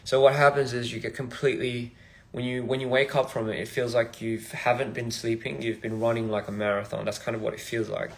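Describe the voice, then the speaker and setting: Soft-spoken man rambling on a livestream. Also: medium pitch, little pitch movement, brisk. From Australia. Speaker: musician livestream host. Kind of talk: casual livestream chat. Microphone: phone livestream.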